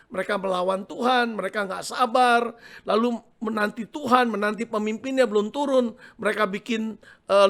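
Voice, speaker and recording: Gravelly high-pitched male pastor preaching. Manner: animated preaching, calls to the congregation. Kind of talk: sermon.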